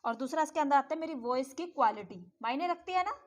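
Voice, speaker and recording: A woman's voice: high-pitched, lively intonation, quick pace. A woman teaching a class, lecturing and teasing and scolding her students as she explains.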